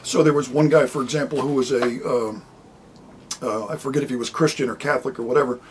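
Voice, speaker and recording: A man's voice: medium pitch, fairly even intonation, fast talker, slight background noise, poor audio. A man, an author, talking about his book in a casual, rambling monologue to camera and acting out the people he quotes.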